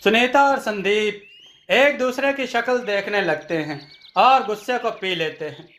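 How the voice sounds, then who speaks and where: A man's voice: sits high, measured pace, fairly bright tone. Man narrating a storybook tale. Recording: echoey room.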